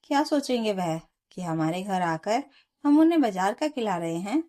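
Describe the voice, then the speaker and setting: A woman voicing a stern, nagging older mother-in-law who talks in a sharp, sarcastic way in a storybook tale. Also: mid-range voice, animated, moderate pace, close to an everyday voice. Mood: scolding.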